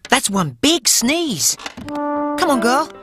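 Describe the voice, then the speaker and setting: A woman voicing a cheerful, helpful young male octopus in a cartoon, friendly and eager with a bright boyish voice. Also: sits high, sing-song, takes it slowly, music in the background, heavily acted. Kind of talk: cartoon voice acting.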